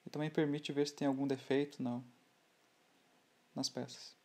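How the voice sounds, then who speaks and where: This hobby tutorial voice-over features a Brazilian man explaining how he builds a model at his workbench. His middle-pitched voice is dark and mellow, and his Brazilian Portuguese-accented delivery is easygoing and halting, full of restarts.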